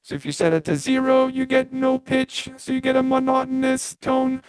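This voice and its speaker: A man's voice: fairly even intonation, normal speed, faint music behind. A man demonstrating a vocal effect, speaking test phrases through a robotic lo-fi speech-synth filter. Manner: repeats test phrases, pitch jumps wildly.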